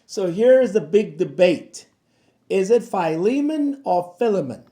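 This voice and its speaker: This pastor's voice is high and mellow, with lively intonation and a measured pace, as he gives a daily Bible devotional on camera. Chatty throughout, he keeps asking listeners "okay?" and "right?" in an echoey space.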